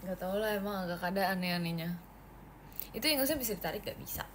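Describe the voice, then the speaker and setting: A woman's voice: mid-range voice, fast talker, a little hiss or hum. A young woman chatting casually on a livestream, reading viewer comments aloud in a playful, giggly way.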